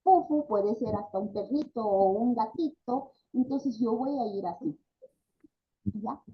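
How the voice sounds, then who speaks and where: A woman's voice: fairly high pitch, measured pace, muffled recording. A woman with a Bolivian Spanish accent giving a speech therapy class, talking conversationally with many fillers and tag questions. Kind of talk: online class lecture.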